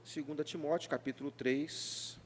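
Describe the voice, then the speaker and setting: A man preaching a sermon as pastor in a church, with a Rio de Janeiro Brazilian Portuguese accent, talking in an animated, joking way and often asking the congregation questions. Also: on the high side, moderate pace, a little hiss or hum. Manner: animated, jokey, mimics congregants, often asks the crowd. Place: church hall.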